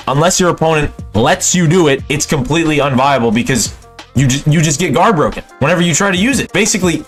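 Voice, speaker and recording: A man's voice: mid-range voice, a bit bright. A young man in an unscripted, exasperated, profanity-laced rant about a video game, speaking as a gaming commentator. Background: music.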